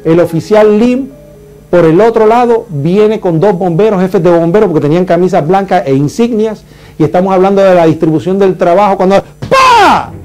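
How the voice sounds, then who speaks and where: A man giving an emotional first-person survivor's account, vividly acting out the shouts and sounds. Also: high voice.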